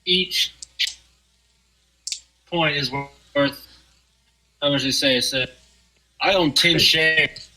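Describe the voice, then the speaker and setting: A man talks over a remote call whose sound keeps breaking up and dropping out. His voice is very bright and sharp, and he explains things at length in a loose, rambling way, starting sentences over as he goes. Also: fairly high pitch, drawn-out words, long pauses, rough recording. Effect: call audio breaking up and cutting out. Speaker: podcast co-host. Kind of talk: casual chat.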